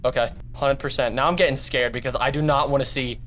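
A man commentating a horror game, excitable, with a voice that cracks, jumping from yelps and shouts to low mumbling. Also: quick pace, noisy background. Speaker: gaming YouTuber.

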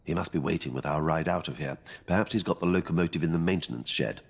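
Deep creaky british ww2 mission guide, dry and jaunty, game dialogue. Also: male voice, fast talker, exaggerated voice. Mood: jaunty, instructive. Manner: jaunty, colloquial British slang. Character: genial British World War II mission guide, dryly jaunty.

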